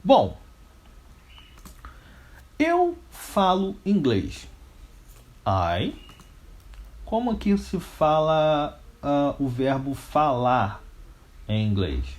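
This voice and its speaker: A man's voice: on the high side, big pitch swings, extremely slow, long pauses, darkish tone. A man with a Brazilian Portuguese accent teaching an English grammar lesson step by step, asking questions and answering them himself. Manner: didactic, step by step.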